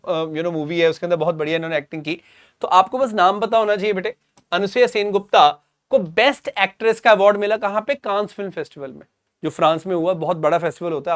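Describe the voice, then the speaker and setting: A man's voice: high voice, dry recording, studio quality. A man with an Indian accent teaching current affairs for exam preparation, explaining simply and mixing English phrases into Hindi while repeating key points. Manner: calls students "beta".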